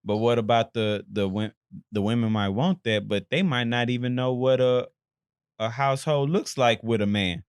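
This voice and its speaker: Smooth-voiced American man, thoughtful. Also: medium pitch, normal speed, dry recording, clean studio sound. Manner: thoughtful, hesitant restarts. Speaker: podcast co-host. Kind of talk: casual chat.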